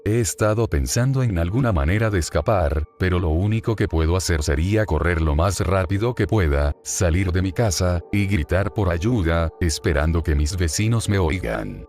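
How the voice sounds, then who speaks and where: A man narrating creepypasta horror stories aloud at a steady, even reading pace. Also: deep voice, normal speed, hardly any pauses, soft background music.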